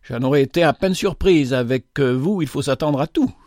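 A man's voice: on the high side, normal speed, a little mellow, dry recording, studio quality, natural voice. A man voicing a haughty, impatient rich young woman who talks with scorn.

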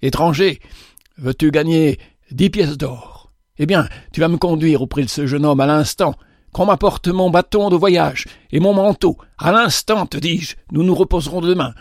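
A man voicing an old, kindly father who cries out in a high, loud voice. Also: moderate pace, dry recording, clean studio sound, close to an everyday voice. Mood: frantic. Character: wealthy old father, kindly, then frantic.

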